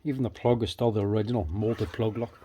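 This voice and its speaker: A man's voice: fairly low pitch, flat delivery, fast, mellow. A man giving casual workshop commentary as a tool repairer, thinking aloud in short, plain remarks. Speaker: power tool repairer and video host. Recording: clear background noise, clicks and clatter.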